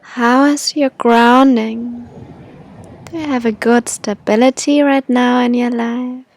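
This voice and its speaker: High, slow, breathy female meditation guide. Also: steady tone.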